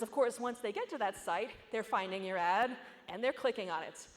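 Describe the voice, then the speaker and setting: A woman giving a security conference talk in a casual, conversational way, with asides and jokes. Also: medium pitch. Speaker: conference speaker. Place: conference hall. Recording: echoey conference hall.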